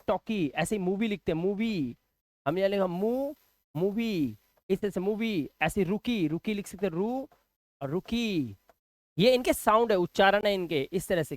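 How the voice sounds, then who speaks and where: In a classroom-style lesson, an Indian man teaches English pronunciation, posing questions, answering them himself, and slowly repeating each example word. His voice sits high, with no echo.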